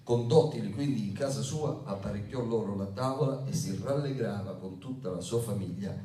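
A man's voice: fairly low pitch, normal speed, mellow. Male pastor preaching in an echoey hall. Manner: call-and-response preaching, asks congregation to repeat lines; joking asides between readings. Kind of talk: sermon with scripture reading. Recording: echoey hall, mic at a distance.

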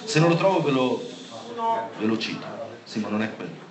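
A man preaching a sermon, reading Bible passages aloud and stressing the key words with emphatic, animated delivery. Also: medium pitch, normal speed, a crowd in the background. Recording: echoey room with faint background noise.

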